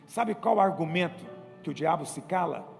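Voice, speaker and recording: A man with a Brazilian Portuguese accent preaching a sermon as pastor, lively and acting out the worried believers he describes. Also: fairly high pitch, normal speed, gravelly, long reverb tail, faint music behind.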